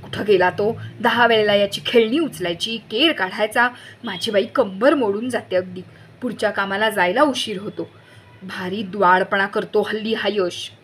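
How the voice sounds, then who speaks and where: A woman's voice: medium pitch, normal speed, a little hiss or hum, close to an everyday voice. A woman reading a storybook, voicing a housemaid who complains about the mess and her aching back. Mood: grumbling. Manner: complaining, nagging. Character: grumbling overworked housemaid woman.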